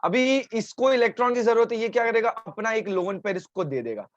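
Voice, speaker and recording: A man teaching a chemistry class live online in Hindi, explaining step by step and pausing to answer student questions, with a sore throat. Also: sits high, no room sound, highs cut off. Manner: talks to students, breaking off to answer chat complaints. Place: home, streaming over mobile data.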